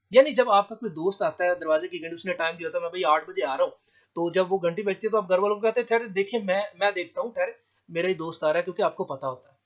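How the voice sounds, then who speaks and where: A man's voice: high voice, fairly bright tone. A man teaching an English lesson, reading English sentences aloud and translating them line by line. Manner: explains slowly, reads English lines aloud then translates. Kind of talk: lecture with translation. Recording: dull lo-fi sound.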